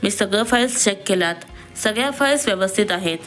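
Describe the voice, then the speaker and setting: A woman's voice: mid-range voice, animated, fast, a bit bright, natural voice. A woman voicing a stern young male office boss who scolds sharply and raises his voice, with faint music behind. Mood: calm.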